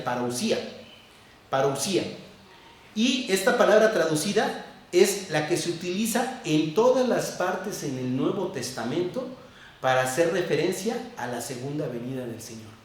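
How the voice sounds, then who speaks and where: A man preaching an expository sermon, teaching carefully and repeating key words slowly. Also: a little high. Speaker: pastor. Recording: very echoey church room, distant mic.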